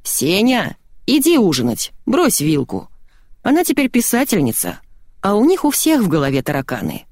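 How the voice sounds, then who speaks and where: A woman voicing a calm, wry husband who speaks matter-of-factly in an audiobook. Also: mid-range voice, moderate pace, no echo, studio quality. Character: calm, dry-humoured husband, an officer.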